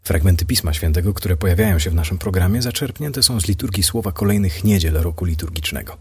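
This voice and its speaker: A man hosts a devotional program and reads scripture slowly and solemnly. His voice sits very low and has a breathy, husky texture. He reads steadily, with weight on each phrase. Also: expressive, a little mellow. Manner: measured, solemn reading. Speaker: radio host and Bible reader.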